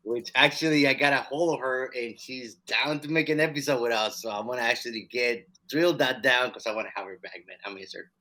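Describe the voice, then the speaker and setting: A man's voice: mid-range voice, steady tone, brisk, few pauses, sharp tone. A man co-hosting a podcast in loose, joking casual chat. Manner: playful, joking, trails off into slang. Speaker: podcast co-host.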